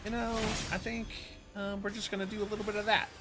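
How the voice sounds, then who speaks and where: A man's voice: high voice, flat delivery, fast, fairly bright tone. A man doing casual, slangy gameplay commentary, reacting and joking to himself as he plays. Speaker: video game streamer.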